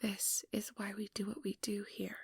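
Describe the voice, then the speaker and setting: This ASMR role-play features a woman's medium-pitched, monotone whisper at a moderate pace as she voices a manipulative, power-hungry female vampire. Breathy and close to a dry mic, she comes across as coaxing and idealistic.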